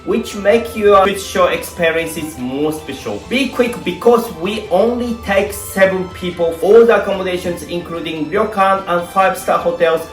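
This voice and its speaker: Upbeat Japanese-accented man pitching a tour. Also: normal speed, few pauses. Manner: upbeat salesy delivery with rhetorical questions and long lists. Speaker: tour guide and founder of a craft tour. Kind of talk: promotional voice-over pitch. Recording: roomy voice with faint background music.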